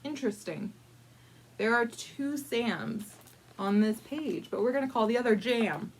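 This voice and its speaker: A woman with a slightly high, animated voice narrates a picture book for adults as a library storyteller. The style is loose and improvised, full of wry, playful asides she commits to with mock drama, and she frequently stops to muse aloud in a chatty way.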